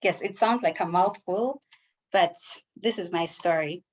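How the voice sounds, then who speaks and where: A Ugandan woman delivers a prepared personal speech over a video call. She takes her time, speaking slowly and deliberately with pauses between phrases. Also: fairly low pitch. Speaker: club member giving icebreaker speech.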